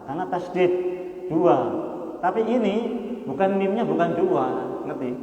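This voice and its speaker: A high-pitched man with lively intonation and a warm tone teaches Quran study in a mosque hall, where the hall's echo is clearly audible. He explains with patience, often throws rhetorical questions at the listeners, and chants verses slowly, though the recording's highs are cut off.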